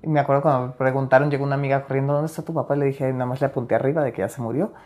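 A woman talks through personal memories in a relaxed interview. Her voice sits low and deep, and she slips into the voices of the people she quotes. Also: rapid-fire. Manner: animated storyteller, acts out quoted lines, laughs between stories. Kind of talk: candid interview storytelling.

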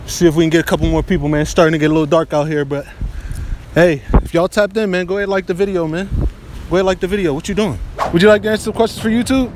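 A man's voice: high voice, fairly even intonation, very fast, slight background noise. A man hosting a casual outdoor street interview on a college campus. He is playful and teasing, full of slang, and keeps saying "all right, bet.". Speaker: street interviewer and channel host. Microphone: handheld phone held out to guests.

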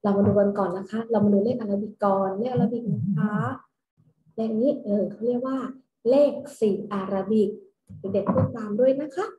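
A woman teaching small children in a slow, patient way, saying each step twice. Her voice sits a little high but sounds mellow and soft. The room around her is echoey. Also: dull audio. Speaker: kindergarten teacher. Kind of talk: recorded homework lesson for small children.

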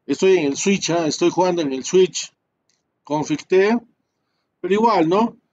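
A man's voice: high-pitched, a little slow, darkish tone, highs cut off. A male networking instructor walking students through a switch lab step by step, full of fillers and tag questions. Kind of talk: live screen-share class.

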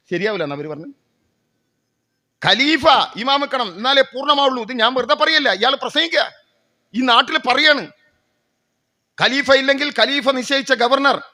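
A middle-aged man from Kerala speaks at a political gathering into a stage mic, his voice set high and ringing bright. He works the crowd with rhetorical questions and answers them himself, then slides into stories. The delivery is that of a practiced public speaker.

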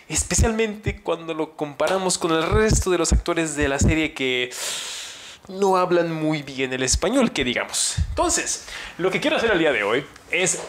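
A man's voice: fairly high pitch, fairly bright tone, roomy sound. A man hosting his own channel, giving a chatty, enthusiastic language lesson with frequent restarts. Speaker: language teacher and channel host. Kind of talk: casual educational commentary.

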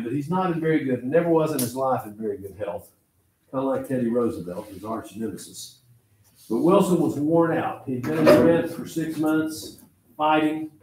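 In a medium-pitched, darkish voice, an older man with an Oklahoma accent gives an emphatic history lecture, restating key phrases and putting questions to his listeners. The recording comes from a distant camera at the back of an echoey, medium-sized indoor classroom with background noise.

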